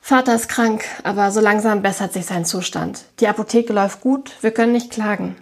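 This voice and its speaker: A dreamy, gentle young woman, as a woman reads her, soft and sincere. The voice is a little husky, at a middle pitch. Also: fairly quick, lightly acted.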